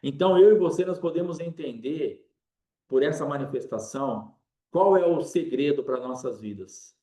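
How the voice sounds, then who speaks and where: A man preaching with fervent, repetitive rhythm, his voice sitting a little high for a man. The sound carries an echoey church-hall reverb. He drives each point home again and again. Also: moderate pace, mellow. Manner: impassioned, repetitive preaching cadence. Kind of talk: sermon.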